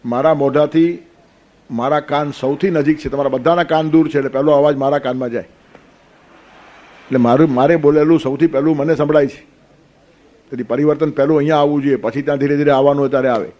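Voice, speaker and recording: A spiritual teacher gives a Gita discourse in a fairly high, darkish voice, speaking fairly quickly with fairly even intonation. He explains the sacred text through homely stories, counting aloud and adding playful asides.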